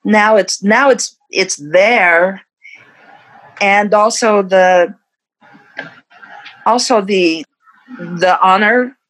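A woman's voice: medium pitch, drawn-out words, pauses often, a bit bright, poor audio. A woman in her fifties, a musician being interviewed, who talks in a reflective way and laughs often between thoughts. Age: 50s. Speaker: musician guest. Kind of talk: casual interview.

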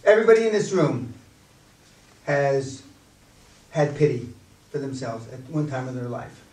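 A man's voice: medium pitch, measured pace, distant mic. Brash swearing older man in echoey room. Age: 60s. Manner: blunt, swearing, animated storyteller. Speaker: business coaching seminar leader. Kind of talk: profane motivational seminar talk. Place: large seminar room. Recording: echoey room heard from afar.

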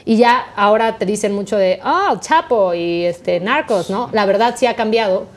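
A young adult Mexican woman, a podcast guest, telling a story in a chatty, animated way. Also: medium pitch, normal speed. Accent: Mexican Spanish. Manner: chatty, animated, acts out quoted voices.

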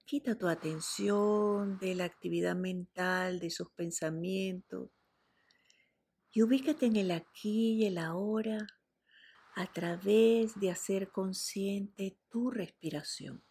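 A woman guiding a relaxation meditation in a soft, soothing voice, with breathy whispered cues. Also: mid-range voice, steady tone, takes it slowly. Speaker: meditation guide.

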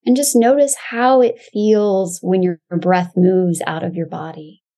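A woman guiding a calm grounding exercise as a body-awareness teacher, giving soothing, gentle instructions. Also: lowish voice, measured pace, creaky. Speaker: Pilates and embodiment teacher, guest.

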